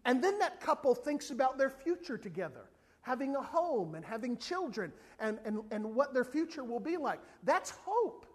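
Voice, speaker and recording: Preaching at a moderate pace in an extremely high voice, an evangelist not from South Africa shares an amusing anecdote. He brings it to life by briefly imitating the voices of the characters involved.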